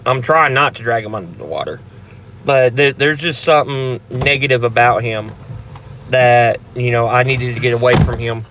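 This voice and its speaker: A man's voice: mid-range voice, moderate pace, background noise. A man hosting a casual live Q&A for a paranormal channel, talking in a rambling, blunt way with frequent restarts and some swearing.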